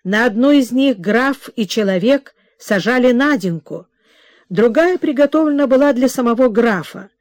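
A woman narrating a classic novel as an audiobook in a measured, expressive way. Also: a little high, no echo, clean studio sound. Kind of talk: scripted literary narration.

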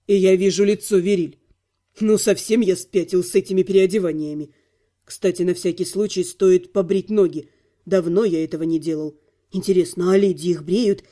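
High, mellow-voiced man narrating wryly. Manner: wry, self-ironic storytelling. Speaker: audiobook narrator. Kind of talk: first-person audiobook narration.

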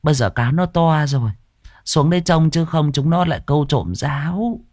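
A man doing a shrill, scheming lady of the house. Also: lively intonation, moderate pace, a little mellow, no echo, studio quality, natural voice. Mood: coaxing. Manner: shrill, coaxing and bossy. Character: scheming lustful rich woman, landowner's third wife.

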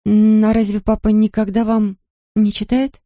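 A woman voicing a kind, tired young nanny who talks to children gently and patiently. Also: medium pitch, flat delivery, moderate pace, no echo, studio quality, pitched above the performer's own voice, natural voice. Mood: firm.

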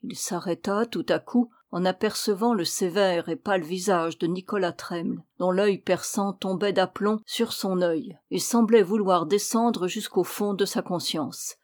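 A woman reading a classic adventure novel aloud as an audiobook, measured and clear. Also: lowish voice, darkish tone. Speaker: audiobook reader.

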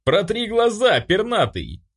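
A man reading an audiobook voices a wary male demon duke of hell who speaks formally and then jeers and shouts. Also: mid-range voice, expressive, moderate pace. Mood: jeering.

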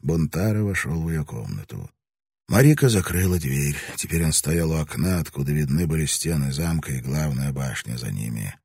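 A man narrating a historical novel in steady, measured storytelling. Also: a bass voice, breathy edge, no room sound, studio quality. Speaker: audiobook narrator. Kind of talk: scripted narration.

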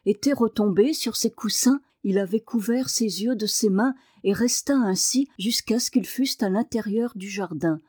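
A woman reading a novel aloud as an audiobook narrator, with measured, expressive narration. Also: mid-range voice, husky, no room sound, clean studio sound.

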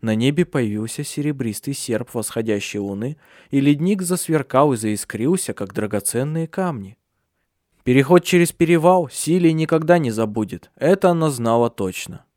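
A man narrating a dark fantasy audiobook in a measured, expressive reading. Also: mid-range voice, no room sound, clean studio sound.

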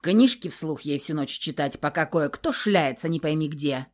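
A woman's voice: low-pitched, animated, normal speed, voice pushed down. A woman voicing a cocky young male warlock who talks smugly and without a care, in a read-aloud story. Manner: smug, drawling, unbothered.

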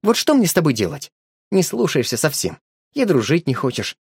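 A man's voice: a little high, a little fast, breathy edge, no echo, heavily acted. A man voicing an eager young village boy who calls out and pleads in an audiobook. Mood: reproachful. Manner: excited, calling out and pleading. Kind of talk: audiobook character voice.

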